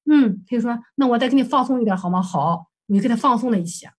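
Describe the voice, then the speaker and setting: A woman's voice: a little high, animated, quick pace, husky. A woman counselor presenting a client case for supervision, recounting session dialogue hesitantly with many fillers and self-corrections.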